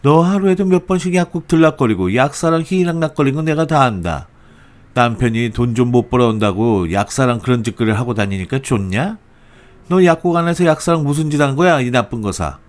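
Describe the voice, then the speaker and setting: Spiteful older mother-in-law, a man putting her on; shrill, accusing, animated delivery. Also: fairly quick, lightly acted.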